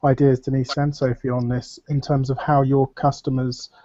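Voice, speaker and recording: This panel guest speaks at a moderate pace with a dark, medium-pitched voice that barely moves in pitch, nasal from a cold. Rambling and hesitant, full of fillers, he's heard through a computer microphone on a casual video call, and the audio is dull and dry.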